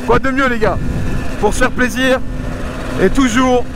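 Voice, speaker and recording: A man vlogging casually and excitedly from inside a motorcycle helmet while riding, raising his voice and using plenty of slang. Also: very high voice, a little slow. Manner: loud, raised voice over the engine, slangy. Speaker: motovlogger presenting a camera. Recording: engine noise behind helmet-mic voice. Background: motorcycle engine and road noise.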